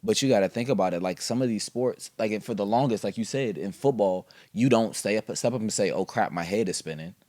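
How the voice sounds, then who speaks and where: A man's voice: lowish voice, fairly quick, few pauses, warm tone, no echo. A man co-hosting a casual podcast discussion, explaining his views in a thoughtful way with fillers. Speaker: podcast co-host.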